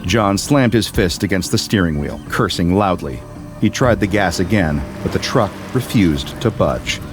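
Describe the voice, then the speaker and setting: A man narrating a scripted horror story in a steady, measured way. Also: sits low.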